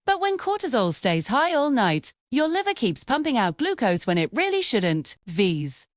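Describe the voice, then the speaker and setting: Female vlogger-type host for scripted health explainer, animated intonation, very dry recording, direct address. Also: sits high, moderate pace, dry recording.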